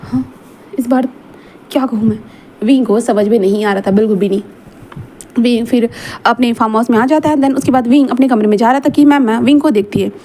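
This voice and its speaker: Fast rambling woman storyteller. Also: fairly high pitch, dark tone. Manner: rambling, repeats and self-corrects. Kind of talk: casual fanfiction narration.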